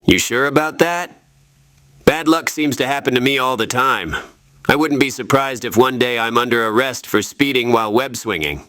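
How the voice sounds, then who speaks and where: A man's voice: mid-range voice, moderate pace, fairly bright tone, no room sound, lightly acted. A man voicing a young, self-deprecating superhero in video game dialogue, with a wry, quippy manner.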